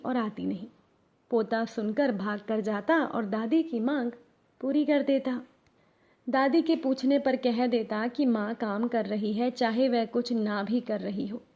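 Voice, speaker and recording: Gentle woman telling a devotional story. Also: on the high side. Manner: gentle, addresses listeners as the congregation.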